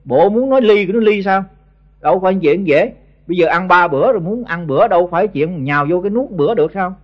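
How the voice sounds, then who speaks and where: A man's voice: high-pitched, expressive, fast talker, dull audio. An older man with a Southern Vietnamese accent giving a blunt, scolding Buddhist sermon to monks, often stumbling over repeated words, on an old tape recording. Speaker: Buddhist monk teacher.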